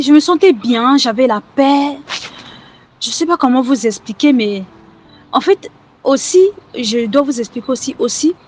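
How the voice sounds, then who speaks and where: A woman with children giving an earnest personal testimony, halting and repeating her words often. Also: on the high side, slight background noise. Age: adult with children. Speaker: testimony giver.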